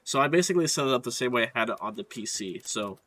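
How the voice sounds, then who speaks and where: A man with a cold and a stuffed-up nose, explaining a gaming setup in a casual, halting walkthrough with frequent fillers. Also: mid-range voice, lively intonation, a bit bright, a little hiss or hum.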